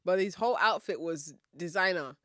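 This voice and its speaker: A woman's voice: lowish voice, brisk, fairly bright tone, no room sound, clean studio sound. Sassy, confident woman podcast host. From Nigeria. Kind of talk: casual storytelling monologue.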